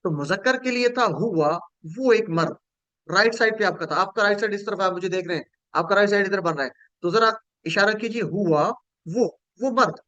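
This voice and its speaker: A man's voice: high-pitched, normal speed, bright, forceful tone, dull audio. A man. He drills paired words over and over in a patient, repetitive call-and-response way. The sound is very dry and close, with no room echo. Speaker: Quran course teacher. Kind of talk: online Quranic Arabic grammar lesson.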